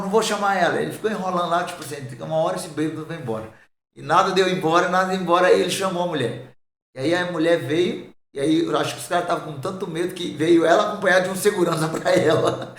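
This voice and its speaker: Fast, animated Brazilian pastor telling a testimony. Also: male voice, sits high, echoey room. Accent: Brazilian Portuguese. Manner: animated storytelling, acting out quoted voices. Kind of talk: podcast conversion testimony.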